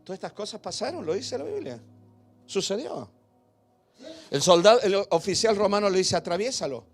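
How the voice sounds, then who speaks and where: A male preacher with a fairly high voice delivers a fervent sermon, swinging from loud, driving emphasis down to hushed asides. He speaks straight to the congregation with questions, and soft music sits faintly in the background. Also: big pitch swings, normal speed. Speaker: pastor.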